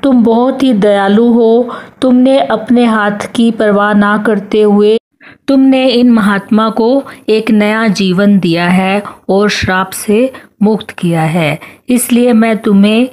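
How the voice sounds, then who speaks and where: A woman voicing a kind magical maiden from an enchanted pond in a storybook tale, speaking in a calm tone of blessing. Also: medium pitch, slow, lightly acted, low-quality recording. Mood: gracious.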